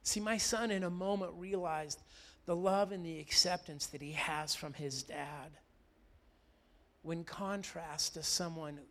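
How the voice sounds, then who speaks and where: Man preaching, loud then hushed. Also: steady tone, measured pace. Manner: swings between loud emphatic preaching and low confiding storytelling. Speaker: pastor. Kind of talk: sermon.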